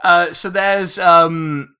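Bright-voiced, chatty male podcast host. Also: high-pitched, steady tone, drawn-out words, clean tone. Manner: laughs often, swears, chatty and wry. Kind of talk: casual history podcast chat.

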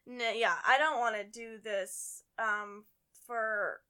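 A woman's voice: on the high side, steady tone, slow pace, sharp tone, clean tone. A woman in her twenties telling a story in casual chat, acting out the people she quotes and swearing freely. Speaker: guest dancer telling a story.

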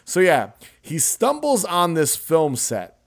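A young adult man hosting a podcast, retelling a film scene in a casual, animated way with laughs and swearing. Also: on the high side, slow, vocal fry. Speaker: podcast host. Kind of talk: casual chat.

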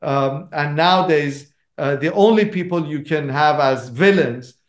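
At a book talk, an author with an Iranian accent answers audience questions emphatically, with frequent fillers and restarts. His voice sits on the high side and is unhurried, in an echoey room.

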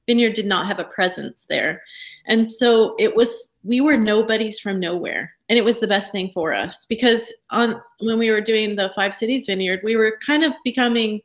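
A woman's voice: medium pitch, normal speed. A woman, a pastor, speaking reflectively with frequent hesitations in a podcast interview.

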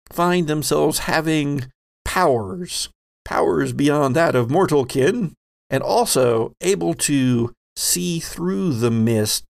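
This man, host and game master of a tabletop game podcast, tells the story in a dramatic way, pausing deliberately. He has a gravelly voice on the high side.

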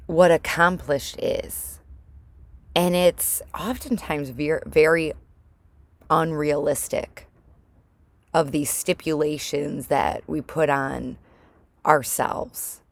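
Low-voiced woman reflecting slowly in a closet. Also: dry recording. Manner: gentle coaching with direct questions and pauses for deep breaths. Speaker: host of a personal solo recording for women and mothers. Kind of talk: casual reflective monologue, motivational. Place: small clothes closet at home, indoors.

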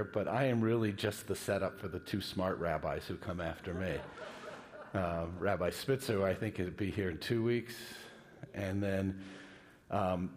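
An older man, a rabbi, giving an informal, halting, self-deprecating lecture, his voice slightly muffled by a face mask. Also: low voice, a little mellow. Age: older, a grandfather. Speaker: rabbi, guest teacher.

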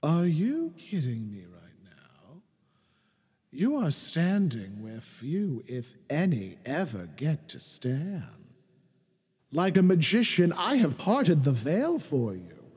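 Maki, a smug theatrical villain. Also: male voice, a little high, wildly swooping pitch, takes it slowly, darkish tone, breathy edge, big-room sound, heavily acted. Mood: mocking. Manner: grandiose, taunting. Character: smug scheming male puppet-master, theatrical and mocking. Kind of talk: video game voice acting.

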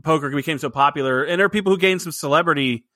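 Bright-voiced man chatting on a podcast. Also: a little high, rapid-fire, no room sound, clean studio sound. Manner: chatty, laughs often, rambling restarts. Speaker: podcast co-host. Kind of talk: casual movie review chat.

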